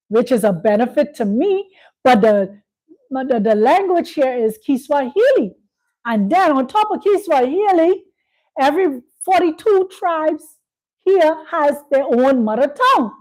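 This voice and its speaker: High-voiced woman preaching. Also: poor audio. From Bahamas. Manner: preachy, repeats phrases, asks "you see?". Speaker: host. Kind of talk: spiritual talk monologue. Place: Kenya.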